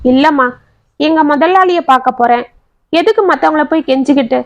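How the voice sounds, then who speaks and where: A woman voicing a kind young husband in a story, speaking softly and affectionately to comfort his wife. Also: high voice, brisk, dry recording, highs cut off. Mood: reassuring. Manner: soothing, affectionate.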